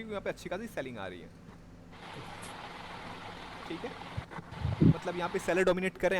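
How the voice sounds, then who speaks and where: A man's voice: sits high, background noise. A man teaching a live class on trading, explaining step by step and checking that his students follow. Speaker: stock market trading teacher.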